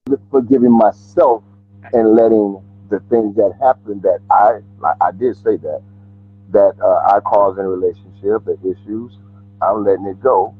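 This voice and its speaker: Middle-aged man on a call, muffled like through a wall; low, husky, laid-back. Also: moderate pace. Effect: muffled, as if heard through a wall, from earbuds on a call. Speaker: family member calling into a talk show. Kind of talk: casual chat. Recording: muffled phone-like call audio.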